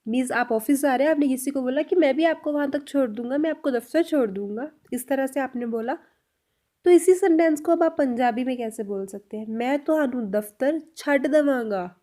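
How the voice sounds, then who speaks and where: A woman with a fairly high voice leads a spoken language lesson. She explains clearly and patiently, addressing her viewers directly. She says each example sentence at a slow pace and repeats it. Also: mellow. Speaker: language teacher.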